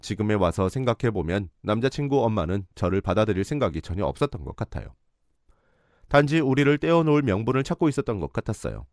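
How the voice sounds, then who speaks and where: A man giving scripted narration of a story in a steady, recounting way. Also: fairly low pitch, no room sound, clean studio sound.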